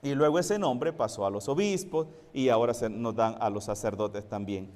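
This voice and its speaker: A man's voice: mid-range voice, normal speed, a little mellow, long reverb tail. A priest preaching a sermon to his congregation, explaining and asking rhetorical questions.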